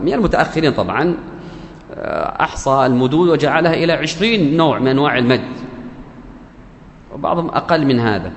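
A man teaching a religious lesson on Quran recitation, explaining patiently and repeating key terms and examples slowly. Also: mid-range voice, a little hiss or hum. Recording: echoey hall with faint ambience.

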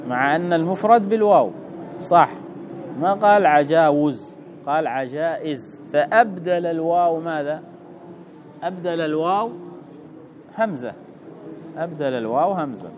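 A man teaching Arabic grammar, reading a text and explaining it slowly, repeating key words and putting questions to the listener. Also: fairly high pitch, a little mellow, slight background noise.

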